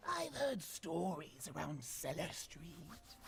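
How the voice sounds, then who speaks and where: A woman voicing a mysterious, sly old woman in a video game, speaking in a hushed half-whisper with cryptic, insinuating delivery. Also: lowish voice, very animated, slow pace, creaky, a loud crowd, exaggerated voice. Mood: sly, secretive. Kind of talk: theatrical video game character acting.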